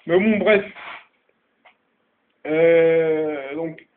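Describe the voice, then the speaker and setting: A man's voice: a little high, a little hiss or hum. A man giving a mock-solemn new year address, stopping to laugh, swear at himself and try out joke accents. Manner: slow, self-interrupting, swears and laughs at himself. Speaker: amateur video maker. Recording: tinny phone-like lo-fi sound.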